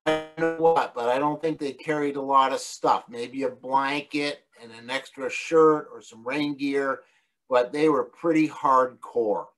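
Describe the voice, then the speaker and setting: A middle-aged man giving an illustrated talk over a video call from a room at home, explaining at a relaxed pace with many fillers and restarts. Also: mid-range voice, measured pace, soft background music, rough recording. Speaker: guest lecturer. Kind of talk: illustrated online presentation.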